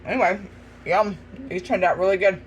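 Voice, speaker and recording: High-voiced man tasting cookies. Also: moderate pace, muffled recording, a little hiss or hum. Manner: relaxed, talks while chewing. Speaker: home cooking vlogger. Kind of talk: casual chat while taste-testing.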